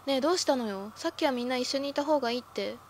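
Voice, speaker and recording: Woman reading scared young woman's lines, shaky, pleading, fairly high, quick. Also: slight background noise. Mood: worried. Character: frightened young woman, clingy and tearful.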